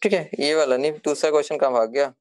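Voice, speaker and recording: Male teacher, classroom lecture, repeats himself, hushes students. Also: a little high, fairly even intonation, fast talker. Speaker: chemistry teacher.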